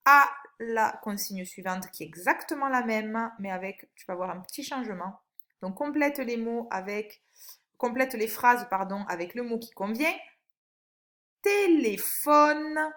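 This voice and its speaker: A woman, a primary school teacher, giving a recorded phonics lesson for young children, with slow, clear and encouraging instructions. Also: medium pitch, a bit bright. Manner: stretches out single words when reading them aloud.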